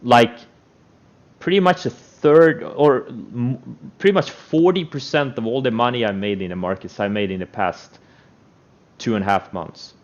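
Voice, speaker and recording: A man's voice: medium pitch, measured pace. Emphatisch rantende man, doffe lo-fi opname. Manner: emphatic, repetitive, blunt and profane. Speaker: stock trader giving trading advice. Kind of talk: unscripted motivational trading rant. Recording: dull, lo-fi microphone sound.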